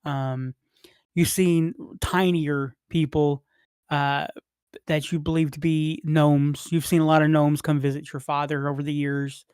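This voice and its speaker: A game master narrating a tabletop game in a halting, rambling way with many restarts. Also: mid-range voice, level tone, darkish tone, clean tone, no room sound, studio quality.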